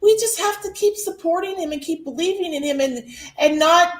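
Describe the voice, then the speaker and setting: Casting note: high-pitched woman, rambling chatty co-host, echoey room. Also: brisk. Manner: rambling, filler-heavy. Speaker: podcast co-host. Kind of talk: casual chat. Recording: roomy echo.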